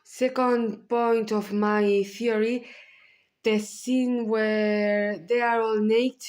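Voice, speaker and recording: A woman's voice: fairly high pitch, flat delivery, drawn-out words, a little mellow. A woman in her thirties with a Spanish accent, giving a candid film analysis with blunt asides. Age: 30s. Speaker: video essayist.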